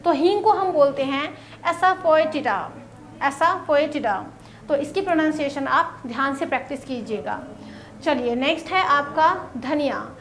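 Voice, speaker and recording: A woman teaching vocabulary in a casual lesson, saying each word and then repeating it slowly for pronunciation. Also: high voice. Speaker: English teacher.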